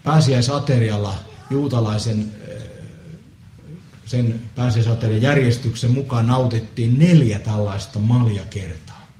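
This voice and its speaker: A man preaching a solemn Good Friday sermon, measured with pauses and the odd hesitant filler. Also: mid-range voice, mellow. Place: church. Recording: echoey church with faint ambience.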